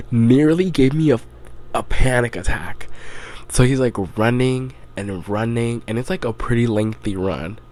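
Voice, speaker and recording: A man's voice: medium pitch, slow pace, long pauses. A young man hosting a podcast, casually recapping a story in a loose, rambling way full of "like" and the odd swear word. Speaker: podcast host.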